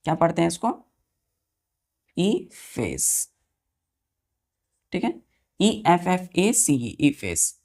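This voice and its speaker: A woman's voice: fairly low pitch, moderate pace, creaky, darkish tone. A woman teacher teaching English vocabulary to students, spelling words letter by letter and repeating each meaning while asking the children whether they follow. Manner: asks the children questions and checks they follow. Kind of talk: vocabulary lesson for exam students.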